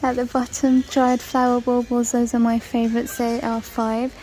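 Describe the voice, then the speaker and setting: A woman's voice: a little high, monotone, normal speed, mellow, slight background noise, low-quality recording. A woman casually walking through a large store, chatting and listing prices as she films on her phone. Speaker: shopping vlogger. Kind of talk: casual shop-with-me walkthrough. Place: large indoor retail store. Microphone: handheld phone camera.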